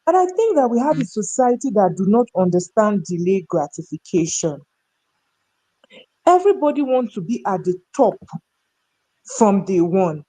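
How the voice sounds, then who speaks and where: The talk show guest, a Nigerian-accented HR professional from North Central Nigeria, is very animated, her mid-range voice dark in tone at a moderate pace. She tells stories and airs opinions with emphasis, often posing rhetorical questions. The recording is rough.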